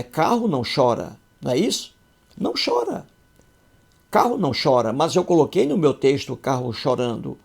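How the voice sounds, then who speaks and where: A man's voice: fairly high pitch, darkish tone. Man teaching a grammar lesson. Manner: repetitive, checks understanding with rhetorical questions.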